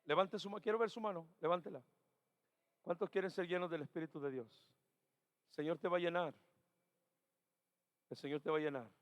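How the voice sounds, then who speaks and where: A man preaching a Pentecostal sermon as pastor, dropping to quiet murmurs, then rising to shouted exhortations, and repeating key phrases. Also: a little high, fairly quick, pauses often. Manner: acts out doubting churchgoers' questions. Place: church sanctuary. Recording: reverberant church hall.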